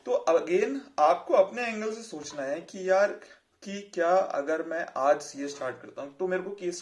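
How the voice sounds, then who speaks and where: A man giving casual career advice to his viewers, chatty and repetitive. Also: fairly high pitch. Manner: chatty, repeats fillers like "theek hai". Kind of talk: casual advice talk to camera.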